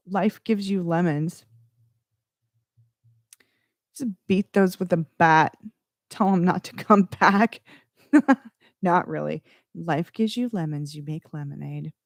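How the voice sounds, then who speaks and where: Female radio host, unhurried, dry studio sound, casual self-deprecating patter. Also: medium pitch, dry recording. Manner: chatty, self-deprecating, drawn-out emphasis.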